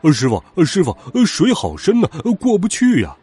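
A man's voice: medium pitch, huge pitch swings, normal speed, darkish tone, husky, soft background music. A man voicing a big, greedy pig-man monk who grunts between his words, for a storybook. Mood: pleading.

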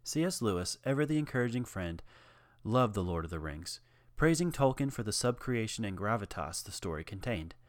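A man narrating a documentary in a measured, earnest storytelling manner, reading out quotations. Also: lowish voice, big pitch swings, dry recording, studio quality. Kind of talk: scripted narration.

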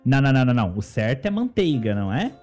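A man's voice: medium pitch, sing-song, racing, a little mellow, soft background music. A man with a Brazilian Portuguese accent co-hosting a casual comedic chat, joking and mock-indignant. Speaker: co-host.

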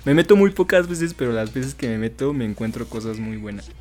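A man's voice: medium pitch, lively intonation, a little fast, darkish tone, faint music behind. A young man with a Mexican accent, co-hosting a podcast in casual chat, rambling with fillers and laughing often. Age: young adult. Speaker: podcast co-host.

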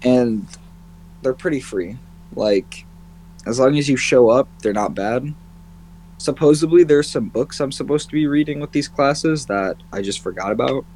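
A man's voice: mid-range voice, expressive, moderate pace, a little mellow, a little hiss or hum. Swearing young man on a casual podcast. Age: young adult. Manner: profane, exasperated at interruptions. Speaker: podcast co-host. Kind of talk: casual chat.

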